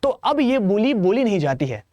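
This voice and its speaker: A man's voice: high voice, big pitch swings, normal speed, warm tone, no room sound. Playful Indian male tutor, exam-prep lesson, close dry mic. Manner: playful, chatty, addresses students directly. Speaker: English vocabulary teacher.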